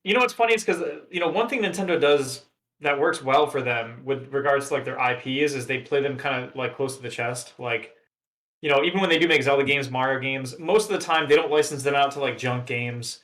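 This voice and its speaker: A man co-hosting a casual video game podcast, telling animated stories and acting out customers. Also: medium pitch, brisk, reverberant. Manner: animated storyteller, acts out customers. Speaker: podcast co-host.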